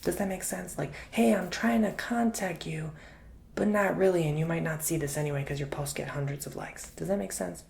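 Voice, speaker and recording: A man giving an intimate, chatty ASMR tarot reading, drifting between soft speech and whispers and calling the listener honey. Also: a little high, steady tone, fast talker, vocal fry, few pauses, a little hiss or hum. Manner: repeats words for emphasis. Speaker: tarot reader.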